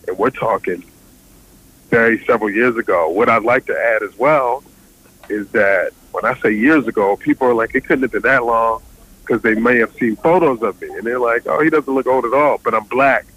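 A man, a stand-up comedian guest, joking with deadpan delivery and lots of fillers. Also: mid-range voice, moderate pace, husky, poor audio. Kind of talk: joking interview banter.

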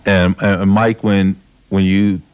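A man's voice: deep voice, little pitch movement, takes it slowly, smooth, no echo. A man co-hosting a radio show, joking with hesitant starts. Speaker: radio co-host.

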